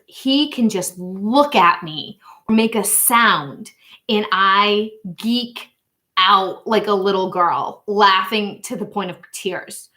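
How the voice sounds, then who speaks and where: A woman's voice: mid-range voice, pushed and bright. A woman, hosting a casual tarot livestream in a rambling, chatty way with frequent laughs. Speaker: tarot reader and channel host.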